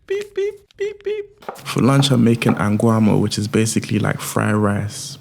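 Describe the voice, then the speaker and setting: A young man cooks in a home kitchen for a casual cooking vlog, chatting in a playful, jokey, slangy way. His voice is mid-range, creaky, and darkish in tone.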